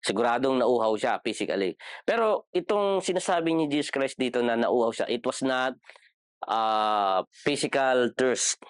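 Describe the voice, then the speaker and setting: Filipino man, bible class teacher, smooth clear voice, dry close sound, chatty, asks questions. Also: mid-range voice, animated, normal speed, dry recording. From Philippines. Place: church classroom.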